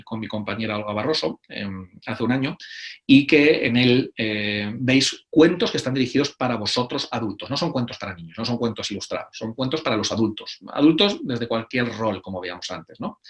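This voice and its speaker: A middle-aged man with a Spain Spanish accent speaking at a conference. His voice sits in an ordinary middle register. He talks in an animated way, acts out the voices of the people he quotes, and often pauses to hesitate. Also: medium pitch. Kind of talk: conference talk.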